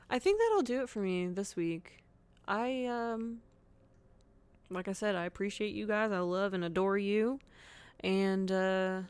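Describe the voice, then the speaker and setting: A woman's voice: mid-range voice, smooth. A woman hosting her own podcast in a casual solo chat, frank and giggly with lots of fillers. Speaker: podcast host.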